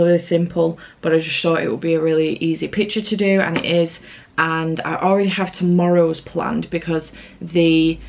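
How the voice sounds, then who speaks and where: A woman's voice: lowish voice, creaky. A British woman chatting casually to camera as a book vlogger, rambling along with self-aware asides.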